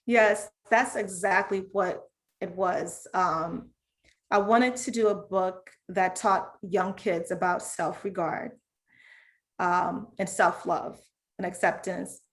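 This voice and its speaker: A woman from Zambia, a children's book author, reading her story aloud and then talking about it on a video call in a relaxed, conversational way. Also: fairly low pitch, slow. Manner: relaxed, conversational, many fillers. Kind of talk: reading aloud and interview answers.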